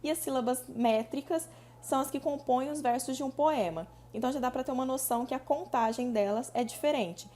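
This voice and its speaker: A woman's voice: high-pitched, dark tone. Brazilian woman teaching a lesson. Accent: Brazilian Portuguese. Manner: explanatory, repeats points, drawn-out syllable counting. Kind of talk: recorded online lesson.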